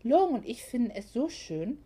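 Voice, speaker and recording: A flustered young woman, voiced by a female narrator, with a bright, fairly high voice. She talks quickly and anxiously, in the intimate manner of an audiobook novel. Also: very animated, breathy edge. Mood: eager.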